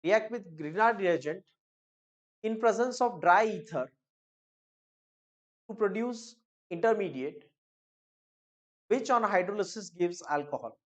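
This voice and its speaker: A woman with an Indian accent teaching a chemistry lesson, switching between Hindi and English, explaining step by step, repeating key phrases and checking in with "okay?" and "clear?". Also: mid-range voice, lively intonation, unhurried, long pauses, lo-fi sound. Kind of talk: classroom lecture mixing Hindi and English.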